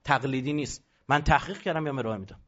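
A man giving an animated religious lecture, emphatic and rhetorical, now and then mimicking the voices of others. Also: mid-range voice, highs cut off.

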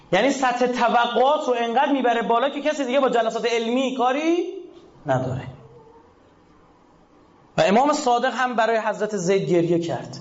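Impassioned high-voiced male preacher. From Iran. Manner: impassioned, swings from shouted peaks to hushed lows. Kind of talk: religious sermon. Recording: echoey, slightly dull recording.

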